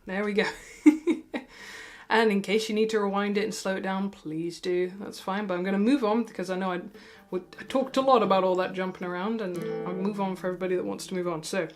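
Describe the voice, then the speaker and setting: A woman's voice: mid-range voice, fairly even intonation, quick pace. A woman teaching a guitar tutorial, chatty and encouraging, who counts beats and sings rhythm syllables and often laughs. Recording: guitar playing loud behind the voice.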